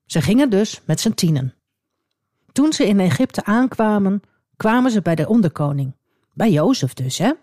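A woman storyteller reading a Bible story for children. She tells it expressively and adds small asides to the listener. Her voice is mellow and swings widely in pitch, and the recording is dry. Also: big pitch swings, moderate pace, dry recording.

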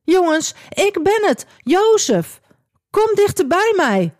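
A woman voicing a powerful ruler in a children's Bible story who calls out loudly to his brothers. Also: on the low side, big pitch swings, measured pace, dry recording, studio quality. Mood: emotional. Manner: calling out loudly, overcome. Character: powerful ruler revealing himself, emotional.

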